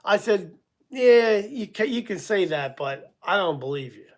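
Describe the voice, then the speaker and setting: A man in his sixties with a high, expressive voice takes his time hosting a relaxed live stream. He meanders somewhat, laughs at himself, fills gaps with frequent ums, and responds to viewers by name.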